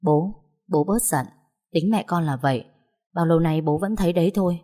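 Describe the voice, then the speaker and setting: A woman's voice: fairly low pitch, normal speed, dark tone, natural voice. A woman doing an exasperated grown son. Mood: pleading. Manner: urgent, pleading then scolding.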